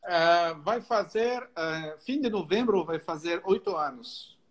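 A middle-aged Frenchman with a French accent speaks in a high, animated voice at a slow pace. He is a guest enologist explaining things in a friendly manner, often restarting, on a live video call from a room in his home, picked up by a laptop.

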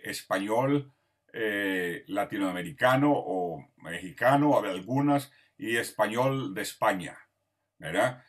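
A man teaching an online grammar class, patiently listing words one by one and checking in with his students. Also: fairly low pitch. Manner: patient, lists words one by one, often asks "¿verdad?". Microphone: video call.

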